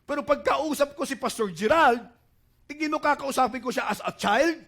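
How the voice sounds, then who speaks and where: A man's voice: very high-pitched, normal speed, a bit bright. A male pastor preaching a sermon, mixing Tagalog and English and often asking the congregation questions. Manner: switches between Tagalog and English, quizzing the congregation.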